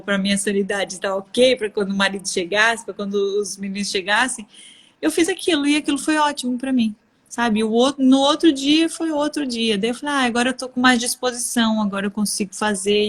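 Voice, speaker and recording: A woman in her thirties with a Brazilian Portuguese accent, chatting candidly on a live stream about motherhood, often laughing. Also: a little high. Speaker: guest speaker on parenting. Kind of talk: casual live-stream conversation.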